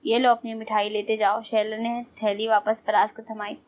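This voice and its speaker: A woman's voice: fairly high pitch, level tone, a little mellow, natural voice. A woman narrator voicing a haughty, mocking young woman in an audio novel. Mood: scornful. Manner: scornful.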